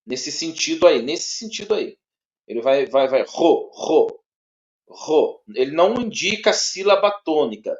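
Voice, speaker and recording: A man with a Brazilian Portuguese accent teaching a one-on-one lesson. He talks haltingly, repeats words and checks in often. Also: fairly high pitch, animated. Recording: dull lo-fi sound.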